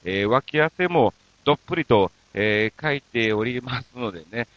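Radio host, male, Kansai accent slipping into standard speech, playful self-mocking banter, very animated pitch, dry dull studio sound. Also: moderate pace, dry recording. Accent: Kansai mixed with standard Tokyo speech. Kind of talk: casual radio talk reading listener mail.

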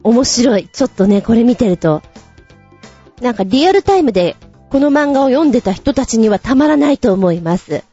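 A woman hosting a radio show, chatting casually and giggling between quick asides while she reads listener messages. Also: fairly high pitch, sing-song, warm tone, slightly rough. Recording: muffled lo-fi with faint music.

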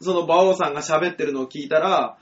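A man co-hosting a casual comedy radio chat, teasing quickly and laughing often. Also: fairly high pitch. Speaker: radio co-host. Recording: dull lo-fi radio recording.

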